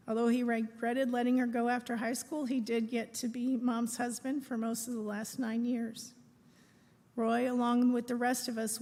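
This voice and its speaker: A middle-aged woman reads a prepared eulogy aloud in a measured, phrase-by-phrase way, speaking in a large room. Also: fairly high pitch, darkish tone. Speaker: daughter giving a eulogy. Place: large room at a memorial service. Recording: echoey hall with long reverb.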